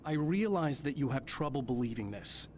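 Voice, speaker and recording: An actor playing an earnest, determined investigator in scripted video game dialogue. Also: male voice, mid-range voice, lively intonation, normal speed, darkish tone, slight background noise, natural voice. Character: earnest, determined male investigator caught in a time loop.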